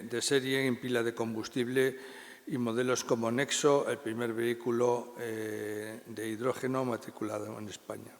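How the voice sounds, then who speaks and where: Man moderating a panel. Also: mid-range voice. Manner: hesitant, frequent "eh" fillers. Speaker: round table moderator. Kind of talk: moderating a panel, reading speaker bios. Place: university conference hall. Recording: long reverb in a lecture hall.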